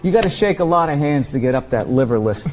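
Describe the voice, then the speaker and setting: A man's voice: on the high side, expressive, fast talker, heavy background noise. A man in casual comedic chat, joking and acting out bits as he talks.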